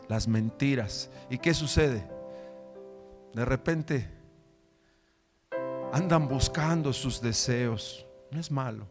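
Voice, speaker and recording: A male pastor preaches a sermon full of fervent rhetorical questions, alternating between loud, emphatic lines and quiet, low ones.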